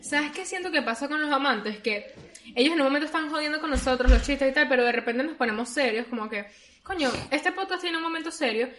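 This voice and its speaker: High-voiced Venezuelan woman, teasing banter. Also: fast talker, fairly bright tone, a little hiss or hum. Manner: teasing, laughing slangy banter. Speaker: podcast co-host. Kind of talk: casual chat.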